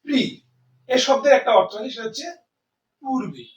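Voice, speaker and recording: A man teaching English grammar to students in Bengali and English, explaining slowly and answering his own questions. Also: very high voice, animated, roomy sound, distant mic, highs cut off. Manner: explains slowly, asks and answers own questions, often says "ঠিক আছে". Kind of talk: classroom lecture in Bengali and English.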